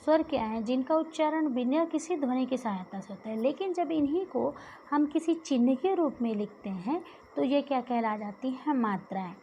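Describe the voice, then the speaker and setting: A woman's voice: high-pitched, lively intonation, normal speed, lo-fi sound, a little hiss or hum. A woman teacher giving a grammar lesson, asking questions and answering them herself and drawing out the example sounds.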